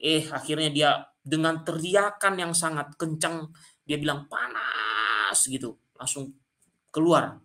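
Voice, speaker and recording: A man with a bright, forceful voice, speaking as a channel commentator. He tells a personal story to his viewers, turning to address them directly again and again. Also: on the high side. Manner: addresses listeners directly and often.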